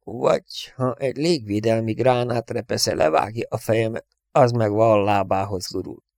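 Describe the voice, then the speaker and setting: A man's voice: lowish voice, a little mellow, no room sound, clean studio sound, lightly acted. A man voicing a terrified young male navigator brooding grimly over his own death, in an audiobook reading. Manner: grim, brooding inner voice.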